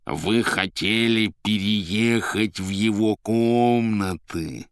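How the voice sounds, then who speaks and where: A man's voice: lowish voice, slow, clean tone, no echo. A menacing demon henchman speaks with a nasal twang, as a man reading an audiobook puts him on. The sound is dry and close.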